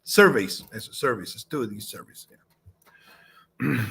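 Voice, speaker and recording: This channel host is a native Spanish speaker from Chile whose Chilean accent colors his halting English, full of fillers and restarts. His medium-pitched voice is animated, creaky and bright, forceful with a breathy edge.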